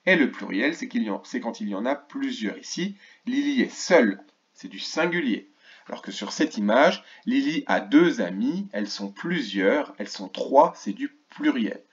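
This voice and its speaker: A man teaching a remote lesson to first graders, slowly and clearly sounding out words and asking the class questions. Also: medium pitch, animated, muffled recording. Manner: slow, clearly articulated, stretches key words; asks questions of an absent class. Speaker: primary school teacher.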